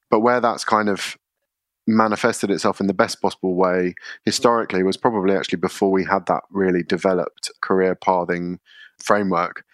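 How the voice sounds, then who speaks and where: A man, a podcast guest explaining his workplace practices in a measured way, often using fillers. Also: sits low, dry recording, studio quality. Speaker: guest, contact centre leader. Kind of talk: podcast interview answers.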